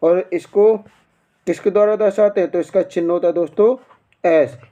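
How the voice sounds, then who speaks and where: A man's voice: high-pitched, steady tone, normal speed, mellow. A man teaching an exam-prep grammar lesson, posing quiz questions, answering them himself and repeating the key answers. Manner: quizzing, repeats answers, asks and answers own questions.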